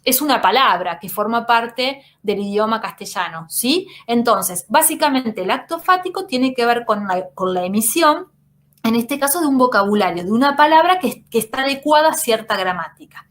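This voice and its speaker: A woman's voice: on the high side, animated, normal speed, a bit bright. A woman teacher giving a recorded lecture, explaining step by step and often checking in with "¿sí?".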